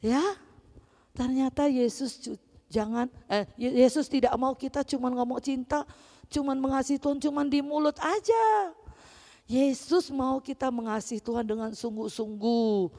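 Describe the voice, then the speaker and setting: A woman's voice: high voice, moderate pace, mellow. A woman leading a Sunday school Bible lesson for children, telling the story animatedly with playful voice shifts. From Palembang, Indonesia. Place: church hall. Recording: reverberant church hall.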